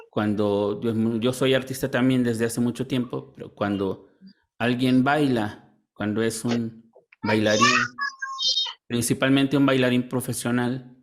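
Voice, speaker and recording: Reflective man musing in conversation. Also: mid-range voice. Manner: reflective, frequent tag questions. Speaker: discussion participant, artist. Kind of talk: casual conversation.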